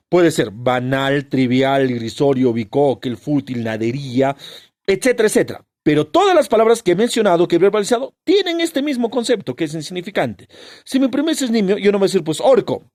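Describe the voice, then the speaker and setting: Lively high-voiced male teacher. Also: no echo, clean studio sound. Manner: asks rhetorical questions and answers them himself, stressing key terms. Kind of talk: exam-prep lesson.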